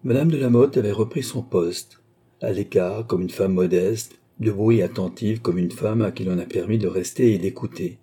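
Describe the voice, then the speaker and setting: A man narrating a classic novel as an audiobook in a measured, even reading. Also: on the low side, breathy edge.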